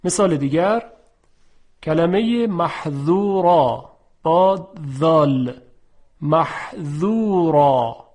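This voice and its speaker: Man teaching letter sounds with slow recitation. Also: fairly high pitch. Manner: slow drawn-out recitation of example words, each said twice; explains calmly, then quickens between examples. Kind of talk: Quran recitation lesson.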